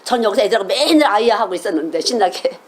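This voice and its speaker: A woman's voice: mid-range voice, lively intonation, rapid-fire. Earnest middle-aged woman preaching. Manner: earnest, emphatic, asks the audience questions. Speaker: children's missionary preacher. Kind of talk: sermon.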